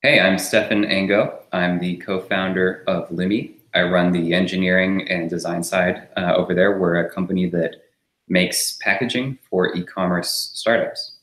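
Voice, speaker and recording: A man's voice: low voice, steady tone, normal speed, a bit bright, roomy sound. A man raised in France, a startup co-founder, talking easily as an interview guest, with fillers and frequent laughs. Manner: easygoing, laughs often, rambles with fillers. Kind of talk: relaxed conversational interview.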